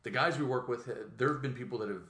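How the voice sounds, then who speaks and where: A man's voice: mid-range voice, quick pace, fairly bright tone, echoey room. A man hosting a podcast in casual chat, telling rambling, profane stories with quoted voices. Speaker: podcast host.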